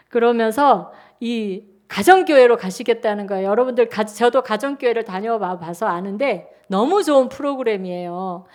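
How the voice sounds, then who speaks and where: A woman in her sixties preaches from the pulpit with a notably high voice. She tells her own stories in an animated, conversational way, acting out what people said. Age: 60s. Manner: animated, chatty storytelling with acted-out quotes. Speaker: pastor. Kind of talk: sermon with personal storytelling. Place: church sanctuary.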